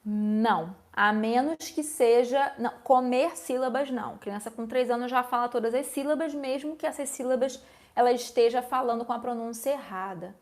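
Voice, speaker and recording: A woman's voice: on the high side, normal speed. A woman, a speech therapist answering viewer questions in a live stream, explaining step by step and often checking in with listeners.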